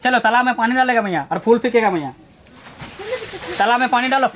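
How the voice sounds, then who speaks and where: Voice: mid-range voice, fast, a bit bright, slight background noise. A storyteller, leading a Karma puja, telling the ritual story and giving chatty instructions to the participants. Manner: chatty, directive, repeats phrases to hold attention.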